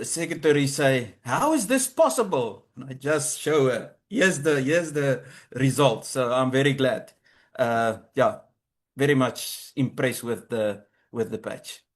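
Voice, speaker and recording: Halting man sharing his testimony. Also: mid-range voice. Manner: halting, with frequent restarts and fillers. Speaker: testimonial speaker. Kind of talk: personal testimony at an online presentation.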